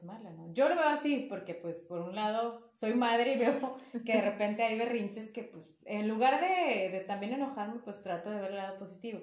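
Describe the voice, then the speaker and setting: A woman's voice: mid-range voice, darkish tone. A woman with a northern Mexican accent, chatting casually as a podcast co-host. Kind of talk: casual conversational chat. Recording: roomy echo, faint music.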